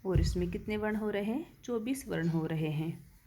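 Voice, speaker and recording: A woman's voice: medium pitch, normal speed, mellow, a little hiss or hum. A woman teaching a Hindi verse-meter lesson, counting syllables aloud and answering her own questions.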